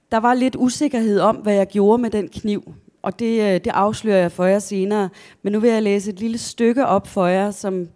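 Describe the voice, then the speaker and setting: A woman reading aloud from her own prose in a measured, deliberate way after a short spoken introduction. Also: medium pitch, mellow.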